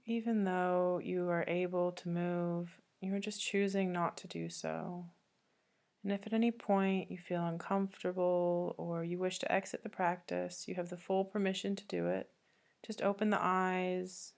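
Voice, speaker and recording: A creaky, low-voiced woman teaching yoga nidra leads a guided meditation in a flat, even manner with little melody. She speaks calming instructions gently, pausing at length between phrases.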